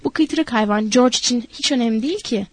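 A woman voicing a huge, simple-minded, childlike man who speaks in a plaintive, halting way for an audiobook. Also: fairly high pitch, darkish tone, no echo, natural voice. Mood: mournful. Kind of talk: audiobook character voice.

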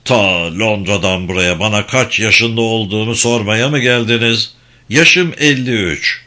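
A man's voice: fairly low pitch, a little slow, bright, forceful tone. A man reading a friendly middle-aged lawyer. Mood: obliging. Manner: helpful, obliging. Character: friendly small-town lawyer, man in his fifties.

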